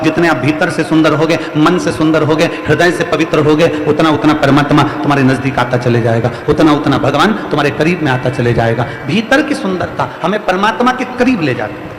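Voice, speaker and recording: A man's voice: fairly high pitch, a little hiss or hum. A man preaching a devotional sermon to a large gathering with a Madhya Pradesh Hindi accent, repeating lines emphatically to drive his point home. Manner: repetitive, emphatic, rhetorical preaching. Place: large outdoor religious gathering. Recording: echoey hall, long reverb, faint music.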